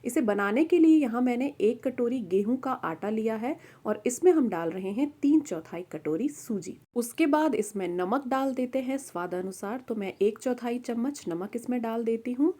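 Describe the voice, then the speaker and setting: A woman with a fairly high voice guides viewers through a recipe one step at a time. Her tone is friendly and instructional, as in a cooking-show voice-over. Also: lively intonation, moderate pace, hardly any pauses, warm tone.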